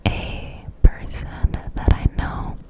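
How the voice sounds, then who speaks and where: A person telling a casual story in an ASMR ramble, in a close-up cupped-hand whisper right at the mic. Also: takes it slowly. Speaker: ASMR creator.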